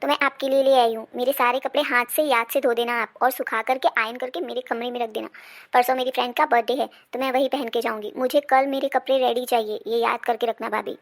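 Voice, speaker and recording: A woman's voice: on the high side, fairly even intonation, fast talker, lightly acted. A woman playing a spoiled, demanding married daughter who is visiting home. She speaks in a whiny, bossy way in an amateur family drama.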